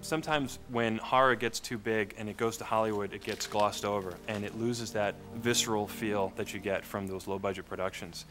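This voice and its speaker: A man speaking as a film director in a behind-the-scenes interview, explaining his work in a reflective way. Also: fairly low pitch.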